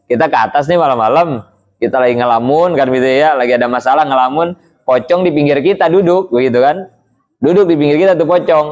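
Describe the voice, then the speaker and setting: A man's voice: on the high side, a little mellow, dull audio. A man giving a casual religious lesson, chatting along and asking his listeners rhetorical questions over and over. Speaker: Islamic teacher.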